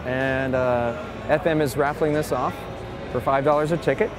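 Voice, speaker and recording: A man's voice: medium pitch, fairly even intonation, moderate pace, over music. A man on a charity's board, chatting about a raffle with light, self-deprecating asides.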